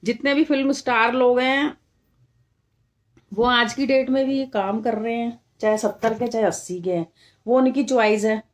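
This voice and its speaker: A woman's voice: on the high side, steady tone, moderate pace. A middle-aged woman from India hosting a casual live stream, talking straight to her viewers and firmly rebutting comments, repeating her points for emphasis.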